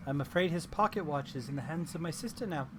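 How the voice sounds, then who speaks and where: A man's voice: fairly high pitch, animated, quick pace, voice pushed up, lightly acted. A man voicing an erratic old female frog hag who jumps between topics with sugary politeness. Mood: scheming. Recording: noisy stream audio.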